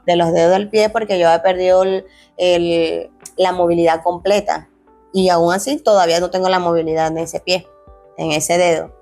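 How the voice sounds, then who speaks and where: A woman's voice: on the low side, little pitch movement, normal speed, vocal fry, a little mellow, faint music behind. A young adult woman, a former athlete turned fitness coach, earnestly tells her life story in an interview, often restarting phrases and acting out quoted dialogue. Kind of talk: emotional personal storytelling.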